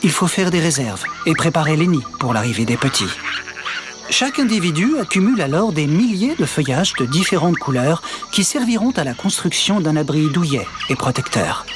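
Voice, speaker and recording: An actor playing an earnest nature documentary narrator, with a solemn, measured storytelling delivery. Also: male voice, a little high, sing-song, over music. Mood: solemn, dramatic.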